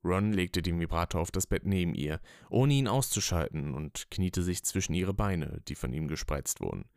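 Deep, smooth male narrator. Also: lively intonation, normal speed, darkish tone, dry recording, clean studio sound. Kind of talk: scripted narration.

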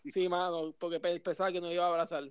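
High-voiced man reacting. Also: level tone, slight background noise. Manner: reactive, quick exclamations and prodding questions. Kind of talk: casual chat.

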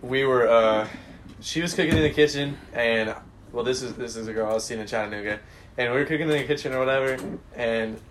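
A man's voice: medium pitch, quick pace, a bit bright, a little hiss or hum. A man chatting casually on a podcast, rambling with lots of fillers and restarts. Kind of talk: casual chat.

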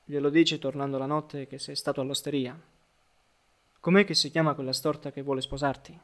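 A mocking, jealous grown woman, as a male narrator puts her on, firing biting little questions in a spoken storybook. The voice sits a touch high for a man. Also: fairly even intonation, brisk, fairly bright tone. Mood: needling.

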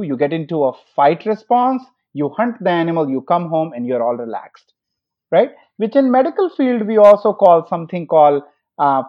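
A man speaking as a doctor on a podcast, patiently explaining with everyday examples and questions to his hosts. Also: on the high side. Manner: patient, example-driven, asks listeners questions. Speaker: doctor and podcast guest expert. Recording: muffled lo-fi recording.

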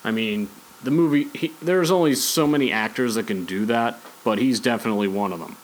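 In a rough recording, a man with a mid-range voice talks fairly quickly as a podcast host, chatting casually and opinionatedly about sports and movies in a rambling, conversational way.

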